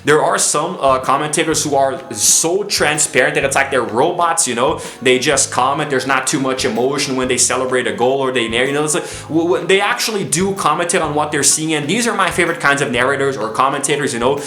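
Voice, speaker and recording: A Brazilian man vlogs his opinions to his own camera, chatting casually while sounding tired and low on energy, with "you know" coming up often. His voice sits at medium pitch and moves briskly with few pauses, its tone bright and forceful. The camera mic picks up a reverberant room.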